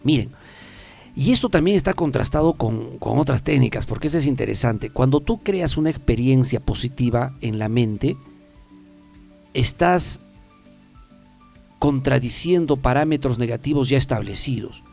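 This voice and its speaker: A man's voice: medium pitch, animated, moderate pace, gravelly, a little mellow, soft background music. A man hosting a self-help talk program, speaking emphatically and repeating key phrases for the listener. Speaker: self-help radio host. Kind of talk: motivational talk show monologue.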